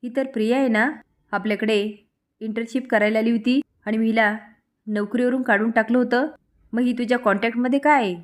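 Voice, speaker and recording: A woman's voice: on the high side, fairly even intonation, fairly quick, lightly acted. Stern mother, wise, firm advice, voiced by a woman storyteller. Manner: firm advising tone. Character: stern caring middle-aged mother, calm and wise.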